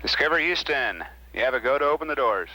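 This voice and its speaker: Brisk mission controller on distant radio. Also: male voice, mid-range voice, lively intonation. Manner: brisk, clipped radio procedure talk. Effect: distant ground-to-space radio transmission. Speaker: mission control capsule communicator. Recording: distant, faintly hissy archive radio.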